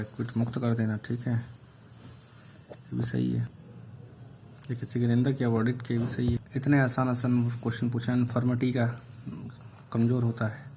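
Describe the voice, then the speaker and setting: A male English teacher going through exam questions one by one, reading each aloud slowly and explaining the answers. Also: medium pitch, warm tone, a little hiss or hum. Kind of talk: online exam answer review.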